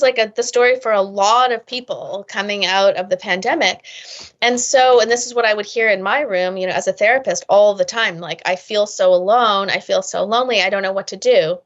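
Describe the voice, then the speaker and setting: A woman therapist and author talking as a podcast guest in long rambling explanations, often asking "right?" and acting out the thoughts of the people she describes. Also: fairly high pitch. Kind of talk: casual interview talk. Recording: dull lo-fi sound.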